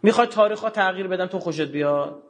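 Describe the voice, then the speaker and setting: A man giving a religious lecture in a colloquial way, telling stories and acting out the dialogue, with sudden low, quiet asides. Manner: colloquial, acts out dialogue in quotes.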